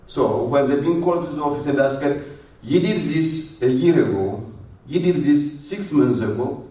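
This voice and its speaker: A man's voice: a little high, dark tone. A man testifying at a public hearing, heard on a poor-quality recording. He speaks hesitantly and halts often. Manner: hesitant, halting, with many fillers. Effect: played back from a poor-quality recording of a hearing. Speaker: taxi drivers' association board member testifying. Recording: very echoey, distant hearing-room recording.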